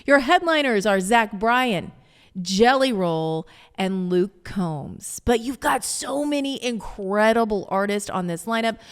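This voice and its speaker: A woman's voice: on the high side, lively intonation, measured pace, clean tone. A woman co-hosting a morning radio show in casual, upbeat chat, running through event lineups and ticket details. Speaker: radio co-host. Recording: long echoey studio reverb.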